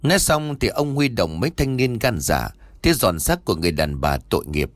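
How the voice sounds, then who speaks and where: Lively low-voiced man telling a ghost story. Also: brisk, no room sound. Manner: lively, voices the characters' dialogue himself. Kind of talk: scripted horror story narration.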